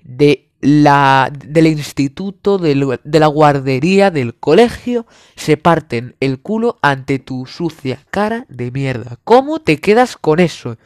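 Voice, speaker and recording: A young Spanish-accented man from Spain riffs through a comedic monologue, sarcastic and over the top, swearing freely. His voice sits somewhat high for a man. The sound is dry and close with no room to it. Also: lively intonation, takes it slowly, no echo.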